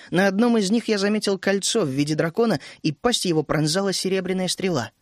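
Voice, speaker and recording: A man narrating a children's fantasy audiobook in the first person, in a steady, even storytelling manner. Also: a little high, no room sound, clean studio sound.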